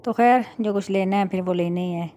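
A middle-aged Pakistani woman with a Punjabi-tinged Urdu accent narrates a vlog voice-over, chatty and matter-of-fact as she recounts some haggling. Her voice is medium-pitched, brisk and dark in tone.

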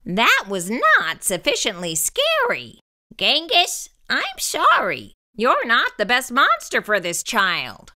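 A woman voicing a strict long-necked male monster teacher, speaking in a lower, measured and instructive way. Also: huge pitch swings, pushed and bright, exaggerated voice. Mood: stern, instructive.

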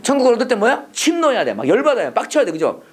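A middle-aged man with an extremely high, husky voice teaches a Bible and English class, his pitch swooping wildly as he talks rapid-fire. Emphatic and preachy, he drills phrases and has students repeat them in call-and-response.

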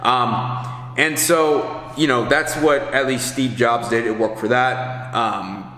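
A man in his thirties, a business coach for barbers, offers unscripted advice while thinking aloud in a loose, conversational ramble. His mid-range voice is steady, slow, and a bit bright, echoing around a large kitchen area with hard, reverberant surfaces.

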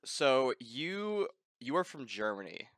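A young man in his twenties hosts a casual podcast interview over a voice call from his bedroom, rambling with many restarts. His mid-range, slightly bright voice is very animated yet slow, and the gaming headset mic gives a clean, studio-like sound with no room noise.

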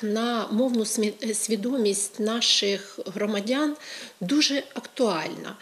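Female language expert from Ukraine; calm, measured TV explainer who leans on each example. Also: on the high side. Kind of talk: educational talk on television.

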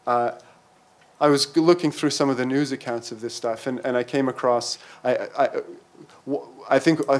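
Halting man giving an academic talk. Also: mid-range voice. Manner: halting, many fillers and restarts. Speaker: conference panelist. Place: lecture hall, seated at panel table. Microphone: table mic on stand.

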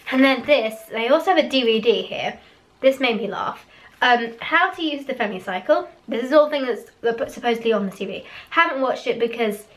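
Her webcam sits in front of her face as a hoarse teen girl chats to camera from a small, poster-lined bedroom, reviewing products. She sounds fairly high and bright, her voice cracking after a cough, and she comes across as candid, talkative and slightly giggly.

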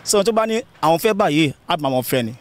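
A man with a Nigerian accent answers questions outdoors into a handheld mic. He speaks rapidly and with animation, his voice fairly high. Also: expressive. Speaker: street interviewee.

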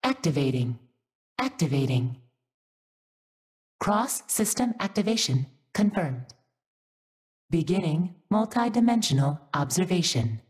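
An actress voicing an artificial female unit in a video game, a glitching robot voice giving flat machine-like status reports and error messages. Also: fairly low pitch, a little slow, long pauses. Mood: mechanical. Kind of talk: video game story cutscene.

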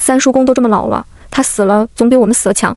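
A woman's voice: fairly high pitch, fast, mellow, dry recording, clean studio sound, lightly acted. A woman voicing a cold, selfish young man in a storybook reading.

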